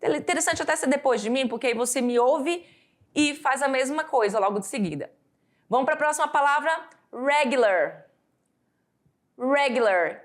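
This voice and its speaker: A Brazilian woman teaching English vocabulary, slowly drilling words for students to repeat after her. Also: high voice. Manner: slow, drawn-out word drills for students to repeat. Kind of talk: recorded classroom lesson.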